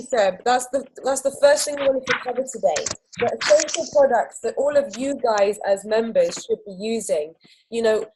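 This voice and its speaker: A woman's voice: fairly high pitch, darkish tone, a little hiss or hum, rough recording. A woman hosting a sales training video, talking enthusiastically and persuasively and acting out little exchanges with customers. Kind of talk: training talk.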